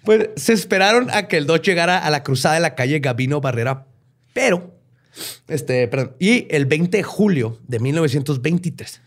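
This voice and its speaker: A man's voice: a little high, animated, moderate pace. A man with a Mexican accent, hosting a podcast and telling a history story casually, full of slang, swearing and jokey asides. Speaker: podcast host narrating history.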